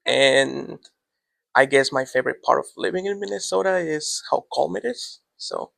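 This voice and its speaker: A teacher whose first language is Spanish answers interview questions in a relaxed, rambling way that tends to trail off. His medium-pitched voice has vocal fry and a normal speed, recorded dry.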